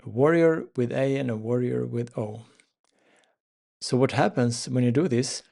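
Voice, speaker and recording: Guy teaching spiritual stuff, creaky gravelly voice, talks in halting little chunks. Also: medium pitch, dark tone. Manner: halting, with pauses mid-phrase. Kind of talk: informal spiritual talk with demonstration.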